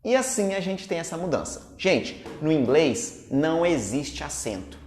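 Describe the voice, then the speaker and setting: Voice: medium pitch, big pitch swings, measured pace, darkish tone, echoey room, a little hiss or hum. A teacher with a Brazilian Portuguese accent, giving an online pronunciation lesson in an upbeat, chatty way. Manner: upbeat, chatty explaining to viewers.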